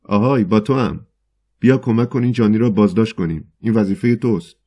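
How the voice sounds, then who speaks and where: A man voicing an enraged young male poet who shouts accusations in a storybook reading. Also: lowish voice, voice pushed up. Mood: angry shouting.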